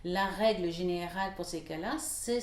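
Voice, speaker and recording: A woman teaching English pronunciation, who explains clearly and repeats each example word several times. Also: on the low side, darkish tone, roomy sound. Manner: slow, repeats English words several times to model stress. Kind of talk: French-language English pronunciation lesson.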